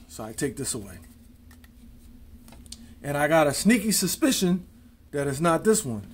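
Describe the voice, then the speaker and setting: A man's voice: a little high, a little hiss or hum. A man casually demonstrating card tricks, counting cards aloud in easygoing, folksy showman patter.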